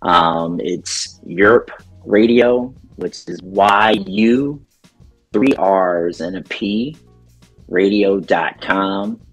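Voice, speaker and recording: Middle aged dj guy, low husky voice, slow easy rambling w lots of ums. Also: soft background music. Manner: relaxed, rambling storyteller with many ums. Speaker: DJ and radio station owner. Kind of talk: casual interview conversation.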